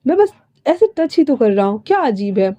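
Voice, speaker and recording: A sulky, possessive young man, voiced by a woman storyteller, clingy and stubborn. His voice sits fairly high with a soft, mellow tone. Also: sing-song, brisk.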